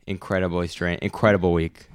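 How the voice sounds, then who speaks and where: Low voiced guy podcast host, stuffed up sinuses, laid back griping, dry sound. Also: flat delivery, brisk, no room sound. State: congested sinuses. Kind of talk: casual chat.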